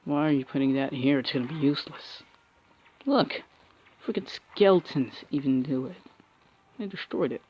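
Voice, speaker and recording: A man's voice: mid-range voice, a little fast, highs cut off, slight background noise. A man giving frustrated, cursing commentary while opening packs and playing a mobile game. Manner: frustrated ranting with frequent cursing and restarts. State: angry. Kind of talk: angry gameplay commentary.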